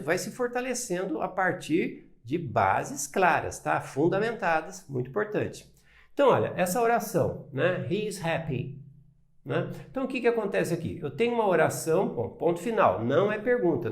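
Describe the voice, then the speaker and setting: A man's voice: high-pitched, darkish tone. A man with a Brazilian Portuguese accent teaching an English lesson, explaining patiently and often checking understanding with short tag questions.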